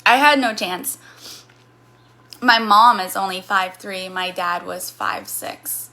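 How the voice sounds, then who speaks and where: A woman in her thirties from Missouri, USA, speaks with a slight local accent at a slow pace, her medium-pitched voice carrying a sharp tone. She chats casually on a livestream, rambling as she answers comments from chat.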